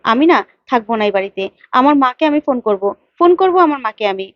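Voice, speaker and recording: A woman playing a defiant young wife who snaps back and repeats her threats. The voice is high and the recording dull and dry. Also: lively intonation, quick pace, dry recording. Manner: indignant, repeats herself, pleading to her mother.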